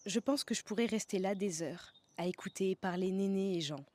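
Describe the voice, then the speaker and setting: A woman's voice: medium pitch, moderate pace, darkish tone. A woman from the south of France, narrating a scripted podcast as host in a playful way, savouring slang words.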